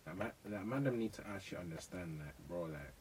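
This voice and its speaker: A man's voice: deep voice, expressive, fast, darkish tone. A man with a London roadman accent chatting casually in street slang as an interviewer. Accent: London roadman, urban slang. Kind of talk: casual chat. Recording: distant mic, faint background noise.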